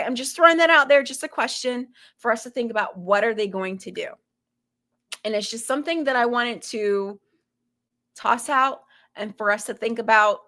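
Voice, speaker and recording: A woman's voice: medium pitch, sharp tone. A woman from Florida with a faint Southern lilt, hosting a casual commentary to her viewers, talking in a suspicious, rhetorical way and checking in with "okay?" after each point. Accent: slight Southern US. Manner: conspiratorial, rhetorical, keeps adding "okay?". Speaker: host.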